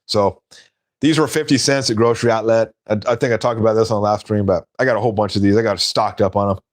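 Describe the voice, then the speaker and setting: A man's voice: lowish voice, steady tone, fast. A man hosting a casual live stream, rambling and laughing at his own stories.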